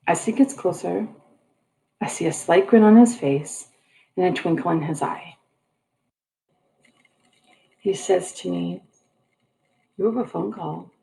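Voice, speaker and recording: Young woman narrator, deep gravelly fry, slow earnest read of a personal story. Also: mellow, rough recording.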